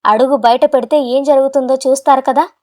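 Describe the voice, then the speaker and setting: A contemptuous, hot-tempered young husband barks his words fast and loud, as a woman narrator puts him on. The voice sits high and light for a man, with a storybook reading feel. He sounds scornful and short-fused throughout. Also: fairly even intonation, lightly acted. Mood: angry threatening. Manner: shouting, contemptuous, rapid.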